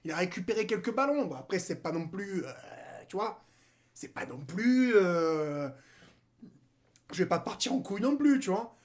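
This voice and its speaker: A man's voice: sits high, very animated, moderate pace. A man giving a casual football debrief, talking animatedly in slang, speaking straight to players and viewers and mocking the rival side. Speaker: football fan commentator.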